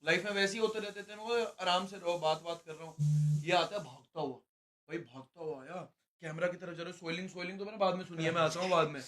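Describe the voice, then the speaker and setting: Man, young adult, high pitch, animated casual storytelling, laughs along. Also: fast. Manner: lively storyteller, acts out quotes, laughs. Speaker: reality show contestant recounting a fight.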